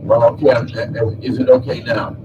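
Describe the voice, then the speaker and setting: Older man, caller, fuzzy breaking-up call line, far from the mic, loud background noise, rambling restarts. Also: medium pitch, little pitch movement, brisk, dull audio. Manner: rambling, with many restarts and repeated words. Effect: fuzzy call line that keeps breaking up. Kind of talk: casual chat.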